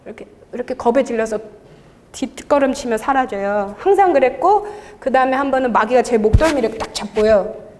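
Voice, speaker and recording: A woman who leads intercessory prayer tells an animated testimony at a church service, often laughing as she talks. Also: a little high, fairly quick, slight background noise. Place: church sanctuary. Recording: long reverb of a large church hall.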